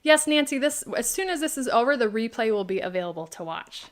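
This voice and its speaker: A woman's voice: fairly high pitch, expressive, fast. A woman hosting a live craft product demo, chatting and answering viewers' questions by name.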